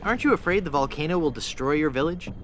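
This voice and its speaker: A man's voice: on the high side, animated, quick pace, a bit bright, a little hiss or hum. An actor playing a glib young male adventurer in a comic adventure game, with a light, wry, flippant way of talking. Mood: wry, curious.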